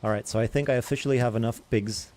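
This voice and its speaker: A man's voice: medium pitch, steady tone, fast, darkish tone. A young man hosting a gaming channel, rambling in casual chatter as he plays and comments on other games.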